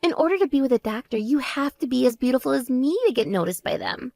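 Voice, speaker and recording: A woman voices a vain young sister in a voiced text story. She is bratty, boastful and quick to take offense, with a high voice that leaps around. The sound is dry and close. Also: lively intonation, mellow, no echo. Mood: taunting. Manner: boastful, taunting, indignant.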